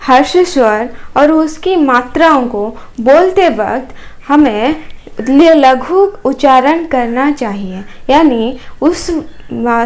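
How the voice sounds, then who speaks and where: Brief: Odia-accented woman teacher, high voice, unhurried grammar lesson. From Odisha, India. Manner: explanatory, with repeated examples and fillers.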